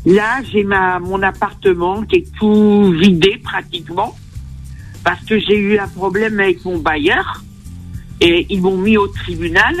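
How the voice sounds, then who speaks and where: A woman's voice: medium pitch, animated, a little slow, soft background music. A woman calling a radio phone-in, talking casually in a chatty, insistent way. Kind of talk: casual chat.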